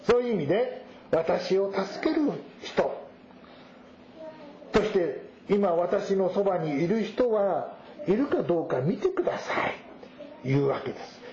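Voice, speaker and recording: A high-voiced pastor reads scripture aloud during a sermon and then explains it, with lively intonation, a slightly slow pace and a darkish tone. The sound is roomy and a bit dull, with faint ambience and slight background noise behind him.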